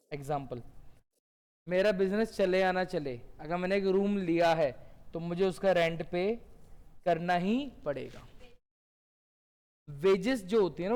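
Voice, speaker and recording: A man teaching a classroom lecture, asking questions and answering them himself, slowing down on key definitions. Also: high voice, darkish tone. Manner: drawn-out, slow phrasing on key definitions. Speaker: accountancy teacher.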